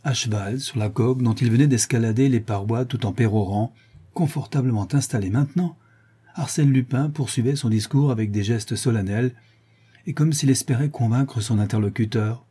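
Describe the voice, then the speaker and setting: Male audiobook narrator, measured and husky, mellow tone. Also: mid-range voice. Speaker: audiobook reader.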